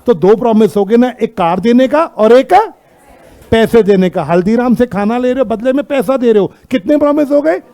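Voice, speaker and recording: A man with an Indian accent teaching a classroom law lecture, constantly quizzing students with rhetorical questions and reading out English text slowly. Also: very high voice, gravelly, mellow, a faint crowd.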